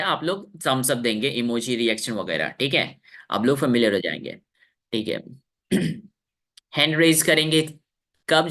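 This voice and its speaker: A man's voice: a little high, bright, forceful tone. A man teaching English to children in a live online class, explaining patiently and often asking the class questions.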